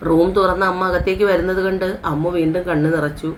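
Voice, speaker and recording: A woman reading a romantic family story aloud as its narrator, in a steady, measured way. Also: on the low side, a little hiss or hum.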